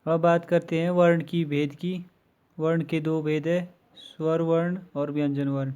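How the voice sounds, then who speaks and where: Guy teaching grammar for exams, mellow voice, pretty flat delivery, goes through letters one by one. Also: a little high, smooth, dull audio. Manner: slow, methodical listing with examples. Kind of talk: exam-prep grammar lesson.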